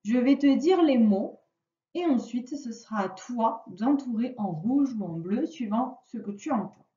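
Brief: woman teacher on a home computer mic, slow deliberate dictation, lively pitch, dull roomy sound. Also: far from the mic. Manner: slow, carefully articulated word dictation. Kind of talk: remote phonics lesson for a child. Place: at a computer, recording the lesson.

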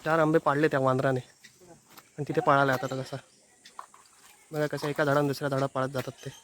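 A man narrating outdoors at a village house in a casual family vlog, talking relaxed to viewers. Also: medium pitch, brisk, a little hiss or hum.

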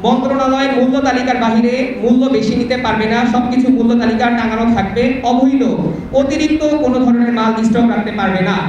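A man's voice: very high-pitched, fast, very echoey, distant mic, muffled recording, a little hiss or hum. A young man reading out a numbered list of demands steadily into a handheld mic at an indoor meeting. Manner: steady listing of numbered points.

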